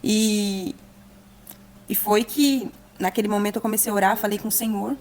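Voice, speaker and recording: A woman's voice: medium pitch, normal speed, darkish tone, a little hiss or hum. A young woman in a podcast telling an emotional testimony, earnest and at times close to tears. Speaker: guest giving testimony.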